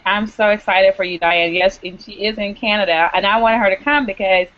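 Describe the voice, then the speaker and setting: Hosting a live video hangout online, a woman speaks in a mid-range voice with fairly even intonation. Her casual chat is upbeat and encouraging, full of quick asides, captured through a video-call mic with dull, lo-fi web audio.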